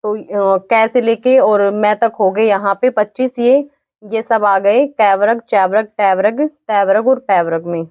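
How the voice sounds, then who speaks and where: A woman teaching an exam-prep grammar lesson, patiently repeating definitions and sounding out each letter slowly. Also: medium pitch, a little mellow, dry recording, clean studio sound.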